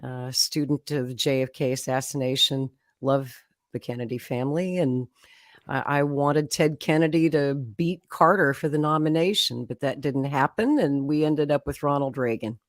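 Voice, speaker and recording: Appearing as a guest, an Oklahoma woman recounts her life in politics through chatty storytelling, frequently laughing and performing the quotes she recalls. She speaks at a moderate pace in an extremely low voice, in a studio-quality recording with no room sound.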